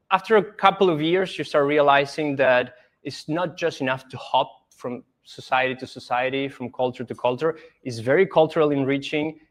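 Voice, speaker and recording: Young man from Argentina, podcast guest, earnest, reflective, mid-pitched voice, casual talk. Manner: thoughtful, earnest, with hesitant restarts. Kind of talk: casual conversation.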